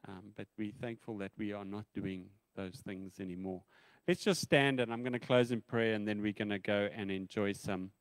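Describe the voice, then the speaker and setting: A man's voice: fairly low pitch, no echo, rough recording. A man, a pastor giving loose, chatty church announcements and leading a closing prayer. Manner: relaxed, self-deprecating, loose and chatty.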